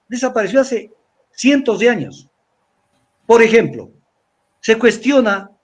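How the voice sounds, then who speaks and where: Lecturing older man with a high voice. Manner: lecturing, repeats words, spells letters out. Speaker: commentator. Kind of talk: weekly analysis talk.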